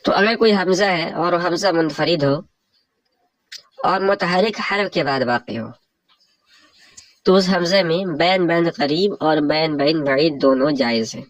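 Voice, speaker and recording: A man's voice: fairly high pitch, pauses often, no room sound, low-quality recording. A man with a Pakistani Urdu accent teaching Arabic morphology in a religious lecture, explaining each rule step by step and glossing a set text.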